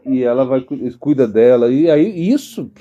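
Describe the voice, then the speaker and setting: A middle-aged man with a Brazilian Portuguese accent giving an informal devotional sermon as a monk, telling stories lively and often restarting his sentences. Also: medium pitch, moderate pace, muffled recording. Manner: animated storytelling, acts out quotes, frequent restarts and stammers. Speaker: monk giving a spiritual talk.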